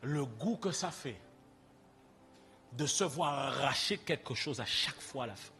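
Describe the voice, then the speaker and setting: A man's voice: mid-range voice, expressive, a little slow, bright, forceful tone. A young man with a French Caribbean accent, preaching a sermon and telling his own story directly to the congregation in a conversational way. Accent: French Caribbean (Antillean). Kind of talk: sermon with personal testimony.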